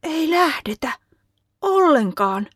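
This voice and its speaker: A woman's voice: sits high, big pitch swings, a bit bright, no room sound, clean studio sound, pitched above the performer's own voice. A woman voicing a young boy who begs and sulks in a storybook reading. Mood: sulky. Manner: pleading, whiny child voice. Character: young boy, eager then sulky.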